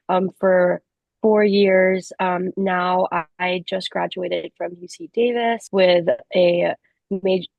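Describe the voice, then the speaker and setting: A young woman who grew up in the Philippines, answering as a panelist in a casual, halting way with many fillers. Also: fairly low pitch, vocal fry, dry recording, dull audio. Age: young adult. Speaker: panelist, recent graduate.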